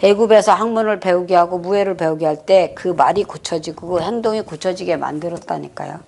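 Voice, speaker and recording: A woman's voice: lowish voice, brisk, gravelly, a little mellow. A middle-aged woman pastor preaching a sermon, telling a story and acting out the people's words in it. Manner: storytelling preacher who acts out quoted dialogue. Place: prayer retreat hall.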